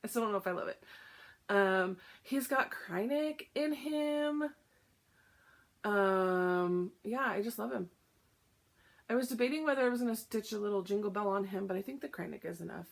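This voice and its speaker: A woman chatting casually about her cross-stitch projects, short of breath and filling pauses with "um". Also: medium pitch, gravelly. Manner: chatty, lots of "um" fillers. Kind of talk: casual show-and-tell chat.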